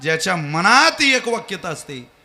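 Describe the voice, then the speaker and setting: Bright, animated male kirtan preacher. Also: sits high, moderate pace. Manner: animated, humorous, quotes scripture. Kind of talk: devotional kirtan sermon with storytelling.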